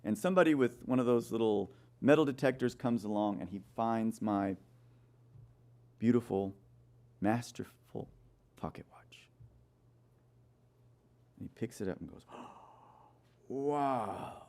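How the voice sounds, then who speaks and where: Speaking a little slowly with frequent pauses, this man has a lowish, darkish voice. In his sermon-like Bible study talk he weaves in stories, tosses rhetorical questions at the audience, and keeps asking "okay?"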